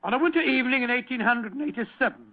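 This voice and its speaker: A man's voice: very high voice, animated, rapid-fire. A man acting a genial, fussy, skeptical British doctor in a vintage radio drama, hesitating and repeating his words. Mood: reminiscing, genial. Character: Doctor Watson, genial, fussy, skeptical English gentleman storyteller. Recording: thin phone-like vintage radio recording.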